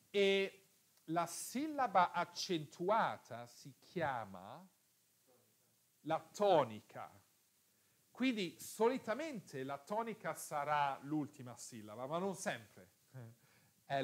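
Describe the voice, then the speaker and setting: A man's voice: fairly high pitch, fairly bright tone. A man teaching a class, who repeats the key rules, puts questions to his students and often hesitates and corrects himself. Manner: frequent hesitations and self-corrections. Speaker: teacher of biblical Hebrew. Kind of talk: lecture to students.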